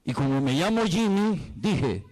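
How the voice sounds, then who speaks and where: Man with a very lively pitch. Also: unhurried, poor audio. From El Salvador. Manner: dramatic, playful, asks the listener questions. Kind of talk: lively apologetics talk.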